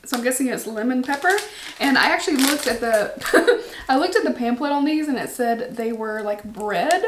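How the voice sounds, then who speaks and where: A woman hosting a casual snack taste test, bubbly and giggly. Her voice sits high and swoops around with lively energy. The room has a noticeable echo and a faint hiss underneath. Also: moderate pace. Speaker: host.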